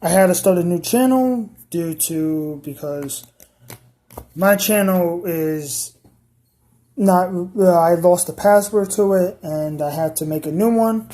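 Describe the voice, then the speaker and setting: A man's voice: high-pitched, slow, mellow. Tired man stumbling through a deck talk. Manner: hesitant, stumbling, restarts often. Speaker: card game player. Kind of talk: casual deck profile talk.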